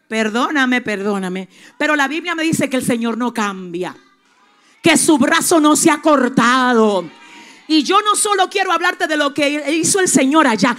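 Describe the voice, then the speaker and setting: A woman pastor preaching a sermon with passion, dropping to a hush and rising to shouts as she calls out to the congregation. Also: sits high. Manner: impassioned, swings from hushed to shouting.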